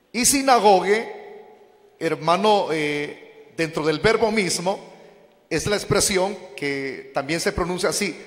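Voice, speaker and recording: A man's voice: sits high, fairly bright tone, big-room sound. A man preaching a teaching sermon, calling his listeners brothers and posing questions he then answers himself.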